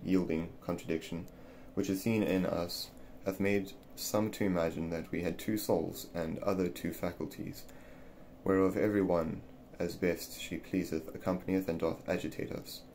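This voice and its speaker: Deep-voiced man reading an old essay. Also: gravelly, warm tone, slight background noise. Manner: stumbling, repeating words as he reads. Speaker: reader of a classic essay. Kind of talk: reading an old text aloud.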